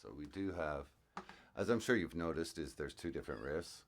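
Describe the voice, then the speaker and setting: Very deep-voiced man explaining guitar music. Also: normal speed. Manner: explanatory, thoughtful, with frequent uh fillers. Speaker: guitarist reacting to a song. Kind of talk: casual music breakdown commentary. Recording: music playing in the background.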